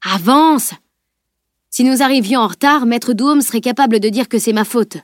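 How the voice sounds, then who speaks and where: A burly, dry-witted man, put on by a woman reading aloud, teasing in a raised, loud voice. His jabs land flatly and calmly. The recording is close and dry. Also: on the high side, moderate pace, dry recording, natural voice. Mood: urging.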